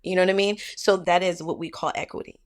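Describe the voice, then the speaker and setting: A woman's voice: fairly low pitch, fairly even intonation, fast. A woman from Barbados, a registered nurse, telling a story in a podcast interview and acting out the dialogue as she goes.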